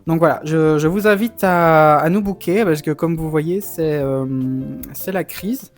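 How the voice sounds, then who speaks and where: A man's voice: a little high, a little slow. Young man, campy drag queen delivery, playful theatrics, casual vlog chat, music behind. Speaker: drag performer and vlogger.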